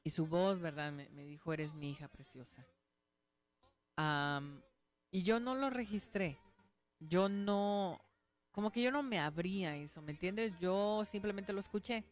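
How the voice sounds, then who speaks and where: A woman's voice: mid-range voice, unhurried. A woman pastor, giving a conversational radio sermon and testimony, earnest, often checking in with her listeners.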